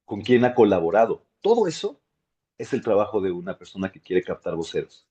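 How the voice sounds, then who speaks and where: A man teaching a masterclass as a voice coach, animated and repeating words for emphasis. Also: low-pitched, fast, dull audio. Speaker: voice and speaking coach.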